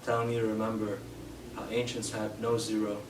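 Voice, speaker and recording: Low-voiced young man reading poems. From Canada. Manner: halting asides full of fillers between poems, steady recital of verse. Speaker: poet. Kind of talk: live poetry reading. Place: indoor bookshop reading. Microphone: distant from the mic. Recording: roomy, distant, noisy live room sound.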